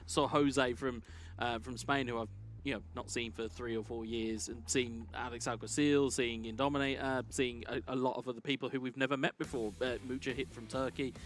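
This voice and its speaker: A man's voice: mid-range voice, flat delivery, fairly quick, hardly any pauses, a little hiss or hum. A male esports co-commentator who chats at length and explains things, laughing easily during live coverage. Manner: chatty and explanatory, frequent fillers and restarts, laughs easily.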